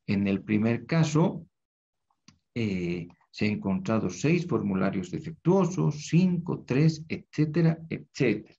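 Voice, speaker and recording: A man's voice: on the low side, big pitch swings, unhurried, gravelly, mellow, breathy edge. A man teaching a recorded lecture, explaining step by step and often checking with tag questions. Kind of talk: recorded lecture over screen. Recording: dull lo-fi recording.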